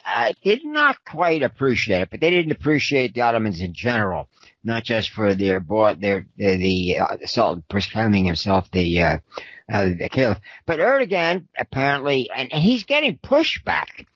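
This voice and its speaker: A man's voice: mid-range voice, fairly bright tone, no room sound, muffled recording. Rambling man full of "uh"s. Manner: rambling, frequent fillers. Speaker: podcast co-host, analyst. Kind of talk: casual discussion.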